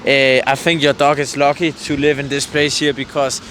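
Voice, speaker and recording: Here a man speaks at a moderate pace in a flat, mid-range voice with a fairly bright tone. As a vlogger interviewing people on the street, he chats loosely and a bit hesitantly, putting questions to passers-by by a road in a mountain valley; the clip is windy and noisy.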